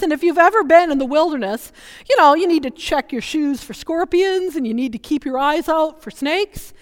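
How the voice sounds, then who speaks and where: A woman's voice: extremely high pitch, a bit bright. A woman pastor preaching a sermon in a conversational, humorous storytelling way, recorded in a church. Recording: reverberant church sanctuary.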